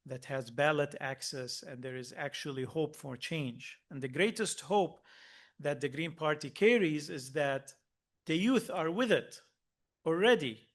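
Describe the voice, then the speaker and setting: A man originally from Lebanon giving a workshop talk, earnest and hesitant, with frequent pauses and restarts. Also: a little high. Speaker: workshop speaker.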